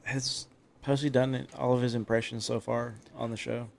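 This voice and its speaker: A man's voice: medium pitch, level tone, moderate pace, vocal fry. A man who is a guest on a podcast, chatting casually and teasing the hosts. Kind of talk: casual chat.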